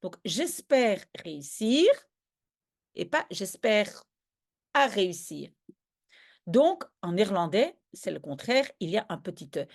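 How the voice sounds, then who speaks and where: A language teacher, Dutch by native tongue, explains grammar in a video lesson with a patient, step-by-step approach, checking often that viewers are with her. She speaks slowly in a very animated, mid-range voice with vocal fry and long pauses.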